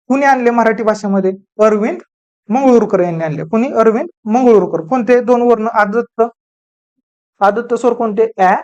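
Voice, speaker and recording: A woman's voice: fairly high pitch, darkish tone. A woman giving an exam-prep grammar lecture, asking questions and answering them herself while repeating the key terms. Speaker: grammar teacher.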